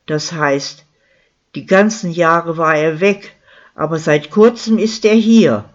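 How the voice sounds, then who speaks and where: Narrator playing a tearful sighing mother, breathy and slow, lo-fi sound. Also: on the low side. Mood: distraught. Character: distraught middle-aged mother, tearful. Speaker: character in a crime story. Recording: dull lo-fi recording.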